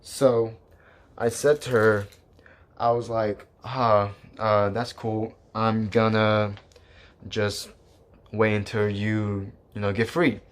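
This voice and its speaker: Young male vlogger, lower-pitched, loose rambling storyteller with lots of fillers. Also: level tone, slow. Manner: rambling, many fillers and restarts, casual swearing. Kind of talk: casual storytelling to camera.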